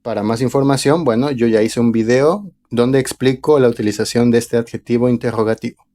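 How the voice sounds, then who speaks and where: A man teaching a language lesson online, reading example phrases slowly and carefully before explaining them. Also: medium pitch, fairly even intonation, mellow. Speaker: French teacher.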